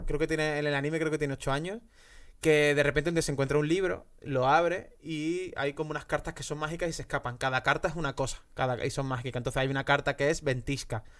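A fairly high-voiced man, chatting on a podcast. He tells stories in a rambling, animated way and fills the gaps with plenty of fillers. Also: fast talker. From Spain. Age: 30s. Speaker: podcast co-host. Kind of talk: casual chat.

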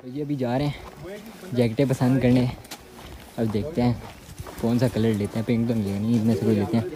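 A man's voice: medium pitch, little pitch movement, fairly quick. A young man from Pakistan chatting to viewers in a casual travel vlog, filmed outdoors on a phone held at arm's length. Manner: chatty, addresses viewers directly. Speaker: vlogger. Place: outdoors by a roadside.

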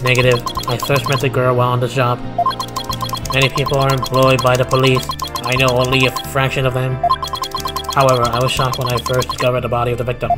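A man voicing a male bomb specialist who speaks in a flat, clipped, robot-like way, over game music. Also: medium pitch, quick pace, natural voice. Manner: flat, clipped, mechanical delivery.

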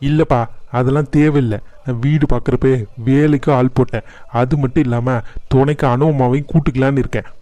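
A man's voice: medium pitch, fairly even intonation, brisk, warm tone, dry recording, close to an everyday voice. A man voicing a protective young husband in a cartoon, speaking earnestly and firmly. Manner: earnest, firm.

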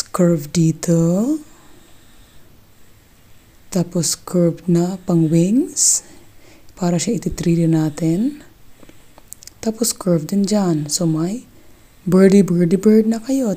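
A woman's voice: on the low side, dark tone. A middle-aged woman hosting a craft tutorial, chatty and teaching step by step with playful joking asides. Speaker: craft video host.

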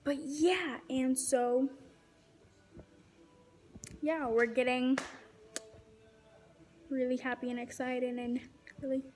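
With long pauses and a slow, steady delivery, a young American woman chats to viewers in a high, slightly mellow voice. Her casual vlog moves from bedroom to kitchen to car to outdoors at night, recorded on a phone or device held at arm's length, with slight background noise.

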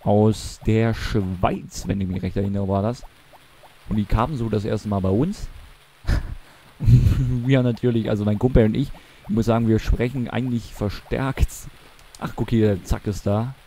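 A man's voice: lowish voice, steady tone, unhurried, warm tone, a little hiss or hum. A young man from eastern Germany with a Mansfeld regional accent, chatting in a rambling, self-correcting way while commentating a game. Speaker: let's play commentator. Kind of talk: casual gaming commentary.

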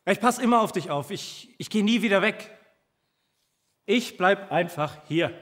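A man performing a doting little guardian in a stage monologue, a high voice that stumbles and repeats itself. The words ring out in the long reverb of a theatre hall. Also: lively intonation, fairly bright tone. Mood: tender. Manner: halting and stammering, repeating words. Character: devoted protective companion imagining himself tiny, vengeful. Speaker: stage actor in a filmed play.

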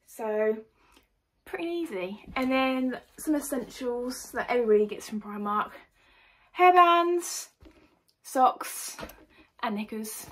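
A young woman with an English accent chatting through a clothing haul in a bubbly, energetic way, filmed at home under a ring light. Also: on the high side, slow, poor audio. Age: young adult. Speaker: vlogger. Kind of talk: casual haul vlog.

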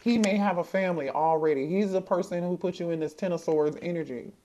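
A woman's voice: lowish voice, quick pace, dark tone, a little hiss or hum. A woman doing a casual tarot reading for viewers, thinking aloud, asking the cards questions and repeating herself as she goes. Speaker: tarot reader.

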